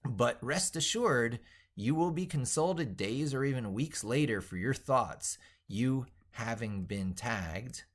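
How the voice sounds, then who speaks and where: A middle-aged man, a tech educator and video host, reads his own essay aloud while working on it, theatrically, wordily, and emphatically. His mid-range voice is expressive and slow.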